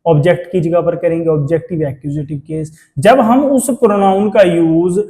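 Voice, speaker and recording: Man, grammar teacher, high voice, mellow tone, rhetorical questions, slow English phrases. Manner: asks the class rhetorical questions; reads English phrases out slowly. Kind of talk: classroom lecture in Hindi-English mix.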